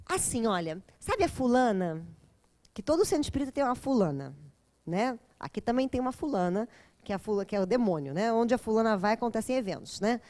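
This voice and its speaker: Brazilian lady teaching a class, pretty high voice, animated and chatty, keeps checking in with the room. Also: quick pace. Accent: Brazilian Portuguese. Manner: animated, chatty, often adds "né?" and "gente", acts out dialogues. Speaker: course teacher and therapist. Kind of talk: informal classroom lecture. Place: classroom at a community center.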